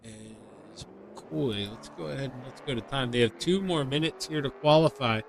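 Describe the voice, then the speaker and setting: A middle-aged man calling sim racing laps as play-by-play commentator, excitable and fighting the hiccups. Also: mid-range voice, vocal fry, a little hiss or hum. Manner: excitable, rises to shouts on quick laps. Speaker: race commentator.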